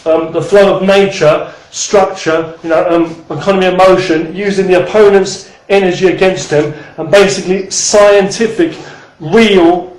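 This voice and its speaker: A man's voice: high-pitched, steady tone, moderate pace, a little mellow, echoey room, poor audio. A man in his thirties teaching martial arts in a rambling, casual way, swearing and then apologizing. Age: 30s.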